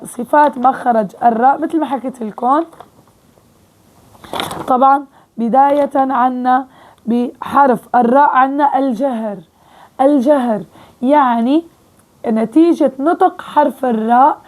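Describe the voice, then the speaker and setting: A young woman with a Levantine Arabic accent teaching Quran recitation, patiently explaining and slowly repeating sounds. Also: sits high, darkish tone. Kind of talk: online tajweed lesson.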